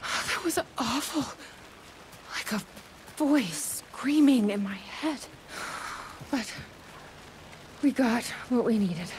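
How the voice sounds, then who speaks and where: An actress playing a determined, uneasy investigator with a wry streak, speaking haltingly as if thinking aloud in a naturalistic video game style. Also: female voice, a little high, lively intonation, slight background noise. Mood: shaken, urgent. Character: determined woman investigator searching for her brother, uneasy but wry.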